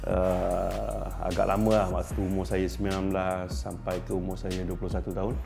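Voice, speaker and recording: A middle-aged Malaysian man, a racing team principal, answers interview questions in a lowish, warm, mellow voice with a level tone and some vocal fry. He's casual and thoughtful, pausing on fillers and restarting sentences. Faint music plays beneath him.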